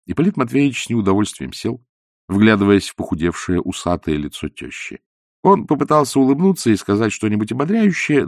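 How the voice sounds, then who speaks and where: Deep-voiced, lively male audiobook narrator. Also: no room sound, clean studio sound. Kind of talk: expressive literary narration.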